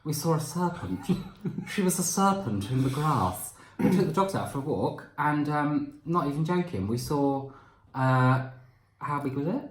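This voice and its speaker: A man hosting his book channel from home, chatting casually and teasing his partner as he laughs. His voice swings up and down with lively energy. The room around him sounds roomy and echoey. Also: fairly high pitch, a little slow. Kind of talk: casual chat to camera.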